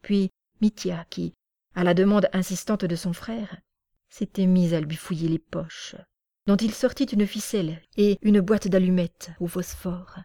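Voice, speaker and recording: A woman narrating an audiobook in a slow, even storytelling manner. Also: lowish voice, no room sound, studio quality.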